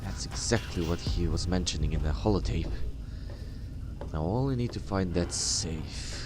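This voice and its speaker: A man role-playing through a video game as he plays, speaking in halting, improvised commentary. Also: deep voice, music in the background. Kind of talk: in-character let's play commentary.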